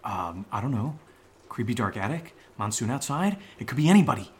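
In a horror audio drama, an actor plays a nervous young man who stammers and rambles his way through a spooky story, hesitating and using lots of fillers. His medium-pitched, natural voice is very animated and brisk.

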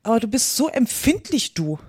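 A woman's voice: on the high side, very animated, normal speed, a little mellow, breathy edge, no echo, studio quality, pitched above the performer's own voice. A woman voicing Alice, a curious, earnest young girl who speaks eagerly and politely.

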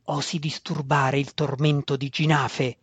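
A man's voice: a little high, little pitch movement, a little slow, husky, dry recording. A man growling as a menacing monstrous handmaiden. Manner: growling, imperious. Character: menacing female spider-goddess handmaiden creature. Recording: dull, dry sound.

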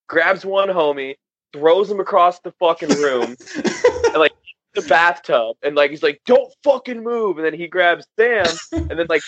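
A man's voice: high voice, dry recording, lo-fi sound. A man casually telling a wild story on a podcast, swearing constantly and laughing often. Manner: profane, laughing, animated storyteller.

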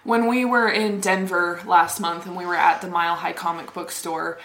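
A woman's voice: fairly low pitch, fairly even intonation, normal speed, a bit bright. A woman co-hosting a casual podcast chat, talking loosely with many fillers and frequent laughs. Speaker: podcast co-host. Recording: echoey room with faint ambience.

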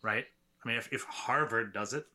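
A man's voice: mid-range voice, moderate pace, pushed and bright. Joking man hosting an interview. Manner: joking, laughs often. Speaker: podcast host. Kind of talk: casual interview chat.

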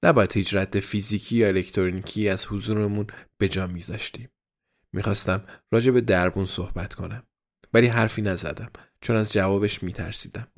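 A man reading a story aloud as first-person diary narration, in a measured, even storytelling manner. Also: sits low. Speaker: audiobook narrator.

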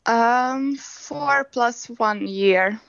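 A woman's voice: on the high side, creaky, fairly bright tone, no room sound. A woman in her twenties with a Hungarian accent, answering interview questions over a phone line in a matter-of-fact way. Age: 20s. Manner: unhurried, matter-of-fact, simple non-native phrasing. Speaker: guest.

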